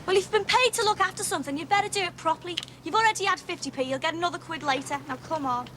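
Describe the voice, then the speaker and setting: A woman's voice: extremely high pitch, very fast, slight background noise. An actress playing a cheeky, bossy young woman who teases with dry sarcasm in natural TV comedy-drama dialogue. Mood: bossy, stern. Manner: teasing, wisecracking, deadpan sarcasm. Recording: music and crowd chatter behind.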